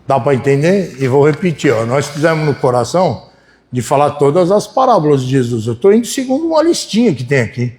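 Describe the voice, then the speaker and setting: A Brazilian pastor preaching to his church, his voice set a little high for a man. He talks in a homely, chatty way and keeps turning to the congregation with quick asides. His volume rises and drops as he preaches. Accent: Brazilian Portuguese. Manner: folksy, keeps asking the congregation "né?"; animated, swings between loud and soft. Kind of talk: sermon.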